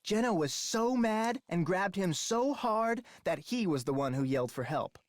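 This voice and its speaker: A man's voice: sits high, expressive, normal speed, no echo. An offhand gossipy townsman. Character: chatty small-town man, offhand, gossipy. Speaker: game townsperson. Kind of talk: game voice acting.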